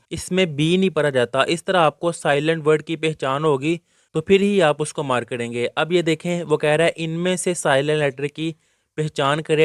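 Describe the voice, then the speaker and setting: Male teacher, fairly high voice, smooth and clear, close dry mic. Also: dry recording. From Pakistan. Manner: explains step by step, reads questions out slowly in English. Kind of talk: exam guide lesson.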